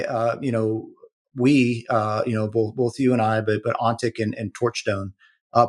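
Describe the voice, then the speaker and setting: A man speaking as a guest in an interview, explaining in an earnest, halting way with many repeated words. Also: medium pitch. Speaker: protective intelligence executive, guest. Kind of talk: conversational interview talk.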